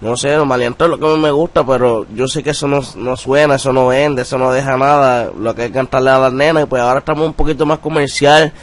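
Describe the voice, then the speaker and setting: A young man with a Puerto Rican accent speaks in a flat, even tone that barely rises or falls. He talks in casual street slang, often pausing on filler words as he answers an interviewer's questions. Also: medium pitch. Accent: Puerto Rican Spanish. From Puerto Rico. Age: young adult. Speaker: rapper interviewee.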